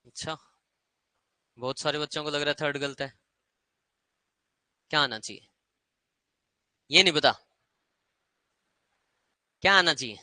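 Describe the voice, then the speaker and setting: Male English teacher, slow deliberate drilling, bright cutting tone, quizzes the class. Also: on the high side, clean tone, no room sound. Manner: drills students with call-and-response repetition; quizzing, asks many short questions. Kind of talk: classroom grammar lesson.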